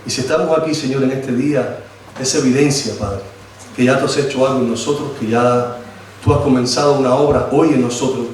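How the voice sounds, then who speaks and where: In an echoey church hall, recorded by a distant mic with slight background noise, a man in his forties from Cuba preaches a sermon and prays with a Cuban Spanish accent. His voice is medium-pitched, a little mellow and fairly quick with fairly even intonation, while his informal delivery is hesitant and full of restarts.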